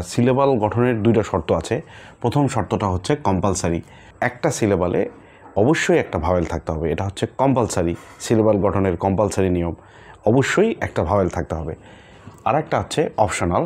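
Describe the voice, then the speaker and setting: A man teaching an English pronunciation lesson, stretching out words slowly as he demonstrates them. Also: fairly low pitch, a little mellow. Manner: slow, drawn-out word demonstrations.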